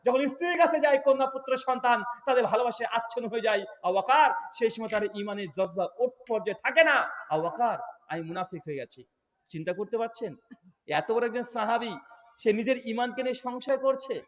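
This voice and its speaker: A man preaching a sermon in Bengali, telling a story dramatically and swinging between quiet speech and loud shouts. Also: extremely high pitch, a little fast. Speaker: Islamic preacher. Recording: long hall reverb.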